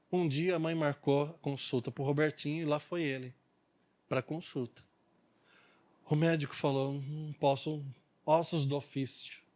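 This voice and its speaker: A man with a Brazilian Portuguese accent, a pastor telling a story in a sermon at church. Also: sits high. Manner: animated storyteller.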